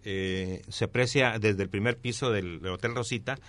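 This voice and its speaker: In a lowish, fairly bright voice at normal speed, a middle-aged man with a Mexican accent answers interview questions. A former newspaper columnist now running for mayor, he makes his campaign pitch emphatically and repeats key phrases.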